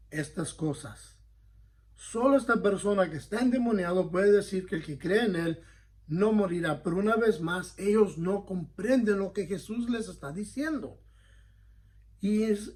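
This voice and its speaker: A pastor with a high-pitched voice teaches a Bible study earnestly and conversationally. He often pauses to check that listeners are following and frequently corrects himself mid-phrase.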